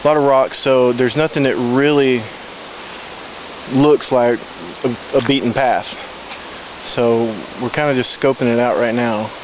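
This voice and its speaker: A man with a mid-pitched voice talks casually to his audience as he hikes. His narration is unscripted and plain, like a trail diary. Clear outdoor noise from a stream runs behind him. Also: fairly even intonation, measured pace. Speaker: hiking vlogger. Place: outdoors on a rocky riverside woodland trail. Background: stream and natural ambience.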